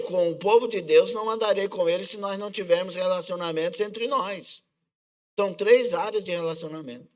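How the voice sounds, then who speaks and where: During a church service, a Brazilian-accented pastor with a voice that sits high preaches a sermon. He frequently asks the congregation questions and calls for their responses.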